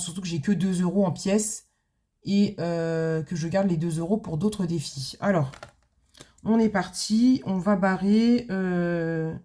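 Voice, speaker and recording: A budgeting vlogger with a mellow, medium-pitched voice chats casually to camera from her desk at home about her budget binder. She tells a long story full of asides, fillers and restarts for her viewers.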